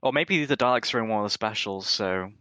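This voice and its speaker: A man's voice: lowish voice, brisk, pushed and bright, no echo. A young man from north-west England on a podcast panel, chatting casually with wry, dry humour.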